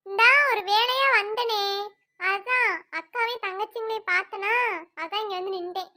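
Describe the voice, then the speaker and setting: Cartoon: a woman as a chatty gossipy village woman, dramatic sing-song, high and bright. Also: steady tone, normal speed.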